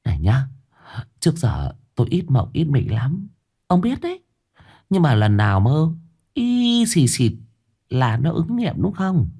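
A man voicing an older village wife, in a flustered falsetto. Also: wildly swooping pitch, a little slow, long pauses, dark tone, slightly rough, exaggerated voice. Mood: confiding.

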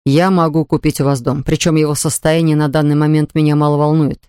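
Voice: fairly quick, clean tone, no echo, close to an everyday voice. A narrator voicing a composed, businesslike male property developer, reading in a dry, close studio recording. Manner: calm, businesslike, lowered voice.

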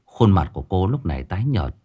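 A man narrating a folk ghost story in a colloquial, expressive storytelling manner. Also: low voice, a little fast, slightly rough. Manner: lively, colloquial, expressive telling.

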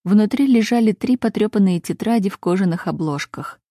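A woman narrating a dramatic first-person audiobook in a tense, expressive way. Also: medium pitch, fairly quick, dry recording, studio quality. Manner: tense, expressive, rises for shouted lines.

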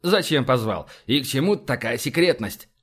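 A man voicing a gruff, impatient male starship commander in a sci-fi audiobook, brusque and commanding. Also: medium pitch, animated, normal speed, close to an everyday voice.

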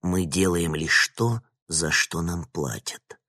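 A man voices a ruthless scientist who threatens with cold, measured calm in an audiobook. The voice is very deep and husky, recorded dry and close. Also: no room sound, heavily acted. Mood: cold, threatening. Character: cold, menacing male scientist boss, predatory.

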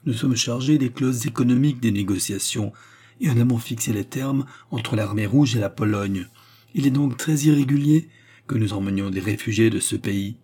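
A brisk, official English general in a hurry, as a male reader puts him on. His voice is dark and husky, and he explains the rules quickly while excusing himself. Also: mid-range voice, natural voice. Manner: brisk, apologetic.

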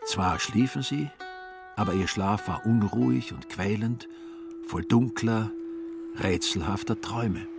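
A man narrates a radio play calmly and evenly in a low voice. Plucked guitar music plays clearly beneath him. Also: measured pace.

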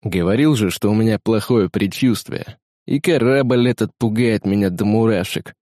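A man voicing a jittery, frightened male soldier in a storybook reading, speaking low and hushed. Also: normal speed, dry recording, studio quality, natural voice. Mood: scared. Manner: hushed, nervous. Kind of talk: audiobook character voice.

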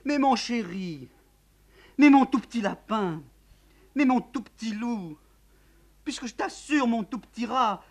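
A man's voice: high voice, lively intonation, moderate pace, fairly bright tone, voice pushed up, full character voice. A man voicing a weary aristocratic count with dry, mocking irony, reading a stage play. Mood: pleading.

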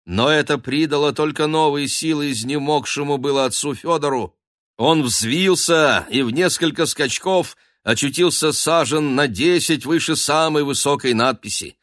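A man narrating an audiobook in an expressive, dramatic storytelling manner. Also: on the high side, normal speed, no room sound, clean studio sound. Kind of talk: scripted narration.

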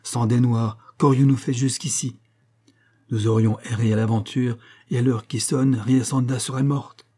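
A man voicing a calm young Frenchman who gently reasons with his friend, in a husky, mellow voice. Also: medium pitch, moderate pace, close to an everyday voice. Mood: persuasive.

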